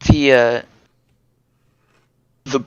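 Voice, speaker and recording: A man with a smooth, clear voice plays a tabletop game, talking through his moves casually. He speaks slowly, at a middling pitch, in a dry, close sound. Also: little pitch movement, no room sound, dull audio.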